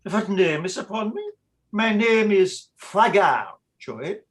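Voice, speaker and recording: In a stage-play reading, a performer voices a flustered male Irish priest posing as a Flemish chaplain, speaking in a thick Irish brogue with a theatrical, wheedling, blustering delivery. The mid-range voice has lively intonation and a slow pace.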